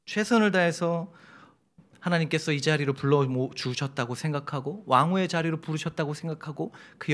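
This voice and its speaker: A middle-aged man preaching a sermon to his church, lively and humorous, acting out quoted voices as he tells the story. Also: fairly high pitch. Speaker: pastor. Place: church sanctuary.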